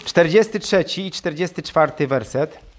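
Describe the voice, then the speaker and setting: A man's voice: fairly high pitch, expressive, normal speed, slight background noise. A man preaching a sermon, reading Bible verses aloud and explaining them, often asking his listeners questions and repeating phrases.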